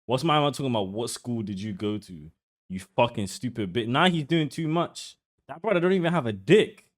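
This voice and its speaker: A man's voice: mid-range voice, expressive, a little fast. A young British man reacting live on stream in blunt, brash talk, swearing and mocking as he goes. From United Kingdom.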